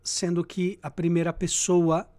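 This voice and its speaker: A man teaching Latin grammar in a lecture, explaining slowly and checking in with his students, and chanting verb endings. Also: high voice, flat delivery, darkish tone. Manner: slow and deliberate, checks in with "tá?" and "né?".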